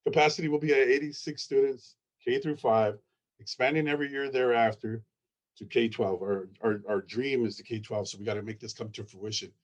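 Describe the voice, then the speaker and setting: A man from Minnesota, of Ojibwe background, presents his school at a conference in a medium-pitched, fairly quick voice. Earnest and excited, he walks through his slides and often repeats words.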